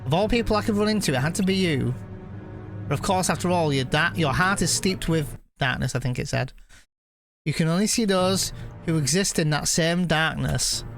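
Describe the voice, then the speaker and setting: With faint music behind him, a fairly high-voiced man live streams a game, talking casually and stumbling through the on-screen text aloud while frequently correcting himself.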